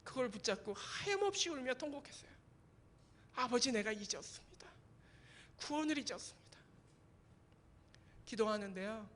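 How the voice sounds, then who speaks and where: A woman pastor in her fifties preaching a sermon and sharing personal testimony, swinging between forceful passages and hushed, near-whispered ones. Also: high-pitched.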